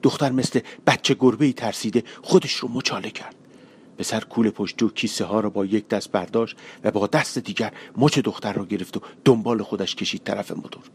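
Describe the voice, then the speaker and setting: A man narrating a short story for an audiobook in a measured, colloquial storytelling manner. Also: lowish voice, a little mellow, breathy edge.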